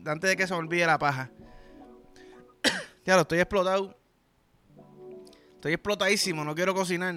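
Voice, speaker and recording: A man's voice: high voice, sharp tone, clean tone. A young man with a Puerto Rican accent, hosting a podcast in a crude, rambling comedic monologue full of slang. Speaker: podcast host.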